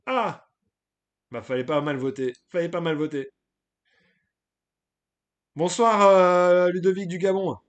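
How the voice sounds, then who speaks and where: A man with a fairly high voice runs a relaxed live stream. He chats loosely and gives his opinions, stopping often to hesitate and to greet people in the chat. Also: fast, hardly any pauses, highs cut off. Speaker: streamer hosting a live tier list. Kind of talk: casual live-stream chat, reading the chat aloud.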